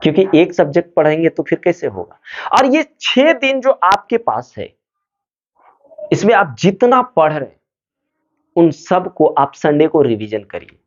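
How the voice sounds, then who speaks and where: A man's voice: fairly high pitch, sing-song, unhurried, lo-fi sound. A man giving motivational study advice to students, asking questions and answering them himself.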